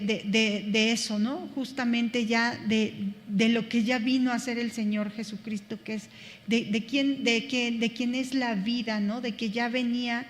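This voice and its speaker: A woman's voice: on the high side, long reverb tail. A woman teaching a Bible study class, thinking aloud with many fillers and restarts.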